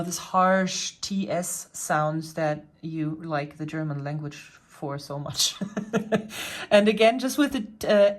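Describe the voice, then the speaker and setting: A woman vlogger patiently explaining and pointing things out in a casual show-and-tell about her cross-stitch hobby. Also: on the low side.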